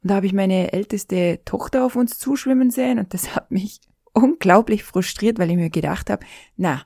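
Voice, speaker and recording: A middle-aged woman with an Austrian accent tells an emotional personal story in an intimate voice that often drops to a whisper. Her mid-range, mellow voice moves at a moderate pace, recorded in studio quality with no echo.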